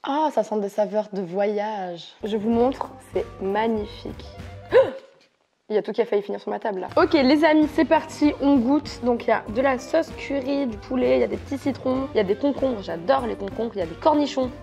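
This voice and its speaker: A woman's voice: a little high, a little fast, gravelly, few pauses, mellow, faint music behind. A young woman from France chatting to camera at home, bubbly and self-mocking. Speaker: vlogger. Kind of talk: casual chat to camera. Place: at home, indoors.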